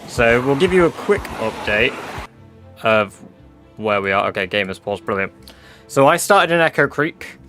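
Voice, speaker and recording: A man's voice: mid-range voice, animated, a little slow, over music. A man livestreaming a game in casual, sweary chat, saying w for r. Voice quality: cannot pronounce R's, says w for r. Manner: informal, sweary.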